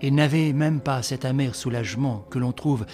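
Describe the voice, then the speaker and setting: A man reading a novel aloud as audiobook narration, in a grave, measured storytelling manner. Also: mid-range voice, darkish tone, faint music behind. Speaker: reader.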